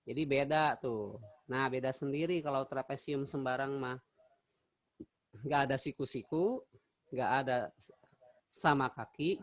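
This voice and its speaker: A man's voice: mid-range voice, dry recording. A male teacher giving an online math lesson, chatty, correcting himself and quizzing his students.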